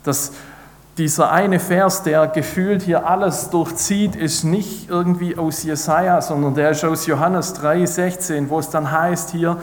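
A man's voice: fairly high pitch, fairly even intonation, measured pace, slight background noise. A man preaching a sermon, earnest and building to emphatic repeated declarations. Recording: echoey hall with long reverb.

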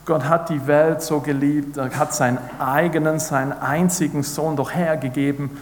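A man's voice: on the high side, steady tone, normal speed, slight background noise. A man preaching a sermon, earnest and building to emphatic repeated declarations. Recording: echoey hall with long reverb.

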